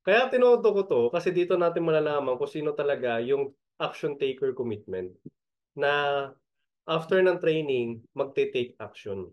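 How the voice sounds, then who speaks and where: A man's voice: a little high, normal speed. Upbeat Filipino man coaching, lo-fi. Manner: energetic, laughs often, repeats key points. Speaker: online business coach. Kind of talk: motivational training talk.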